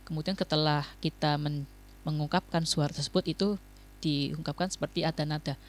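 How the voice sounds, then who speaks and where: A young man from Indonesia, a student club guest on a radio talk show, giving measured explanations with frequent pauses and fillers. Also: on the high side, steady tone.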